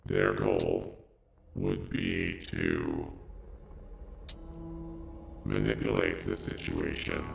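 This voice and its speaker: A man voicing a cryptic robot oracle through a robot voice filter, speaking in slow, measured riddles. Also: rumbling low, steady tone, creaky, pitched below the performer's own voice, heavily acted. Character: deep droning robot oracle, cryptic and evasive. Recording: echoey filtered voice over music.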